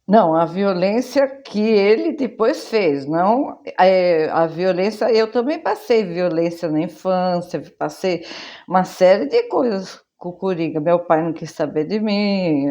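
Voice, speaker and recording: A woman's voice: on the low side, mellow. Rambling Brazilian woman retelling a film. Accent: Brazilian Portuguese. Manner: rambling storyteller, chains events with "then". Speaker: vlogger.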